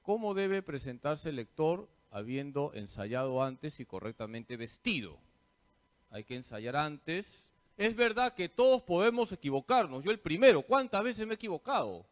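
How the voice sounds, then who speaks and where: A man's voice: on the high side, sing-song, normal speed. A priest giving a parish catechesis talk. He quizzes his listeners and answers himself, repeating the key points like a teacher.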